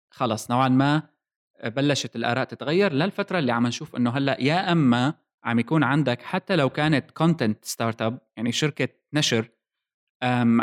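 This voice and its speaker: Male podcast host, Levantine Arabic accent, medium pitch, brisk delivery, casual explainer mixing English tech terms.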